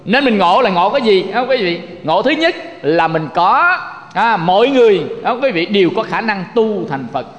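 A man's voice: high-pitched, expressive, normal speed, a bit bright. A man giving a Buddhist sermon, folksy and joking, often asking the audience for agreement. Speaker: Buddhist teacher. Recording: long hall reverb.

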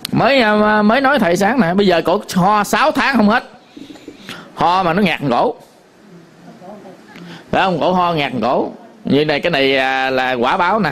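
A man's voice: high voice, a bit bright. A man with a Southern Vietnamese accent, a Buddhist monk giving a dharma talk to an audience, telling stories with many fillers and repetitions.

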